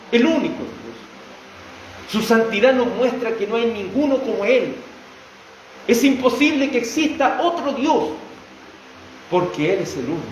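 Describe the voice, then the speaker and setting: High-voiced preacher in an echoey room. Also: male voice, far from the mic, slight background noise. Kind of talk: sermon. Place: church hall.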